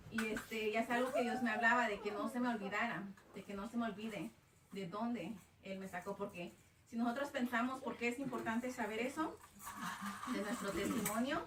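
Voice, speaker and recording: A young adult woman, a lay preacher at a service held in a home, sharing her testimony in a candid, storytelling way and recounting her conversations line by line. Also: a little high. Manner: storytelling, retelling conversations with many "le digo"; candid, self-admittedly shy. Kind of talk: informal testimony sermon. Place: house service, roomy living space. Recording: echoey room, voice from far off, noisy.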